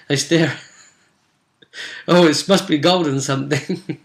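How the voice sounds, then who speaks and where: Taking it slowly, a game master and vidcast host with a gravelly, steady voice on the high side recounts a tabletop role-playing session as a casual story. He acts out brief lines of dialogue, and the sound echoes around the room.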